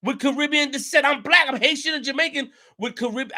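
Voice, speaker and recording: This fired-up New Yorker hosts his own show with a high, bright voice and a brisk delivery. His impassioned commentary monologue is emphatic and repetitive, building up to shouting.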